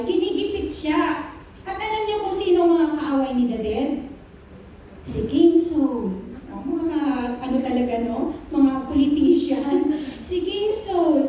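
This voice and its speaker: A woman pastor with a Filipino accent, preaching an animated sermon in a mix of Tagalog and English. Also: very high voice, a little hiss or hum. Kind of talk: Taglish sermon. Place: church. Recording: echoey church hall, voice from a distance.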